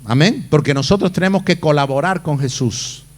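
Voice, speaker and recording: Male pastor, high voice, dramatic sermon delivery. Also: moderate pace. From Spain. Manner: dramatic, acts out the Bible figures' lines.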